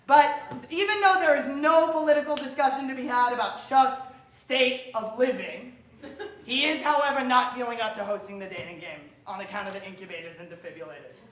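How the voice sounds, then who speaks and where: A woman playing a brash, sleazy male game show host in a live sketch on a theater stage, loud and rambling and out of breath. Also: high-pitched, a little hiss or hum. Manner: loud, rambling, breaks into laughter. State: winded. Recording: roomy theater sound.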